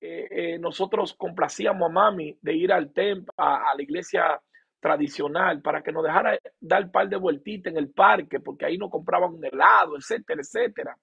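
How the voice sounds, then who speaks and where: A male pastor preaches and shares his own testimony in a slightly high, gravelly voice. He speaks with emotion and keeps repeating words as he restarts his phrases. The recording sounds dull and lo-fi. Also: a little fast, fairly bright tone. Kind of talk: sermon with personal testimony.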